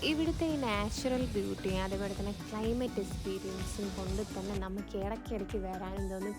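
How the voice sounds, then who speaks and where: A Malayali woman narrating a travel vlog casually, mixing English words into her Malayalam. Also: medium pitch. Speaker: travel vlogger. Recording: music behind the voice. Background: music.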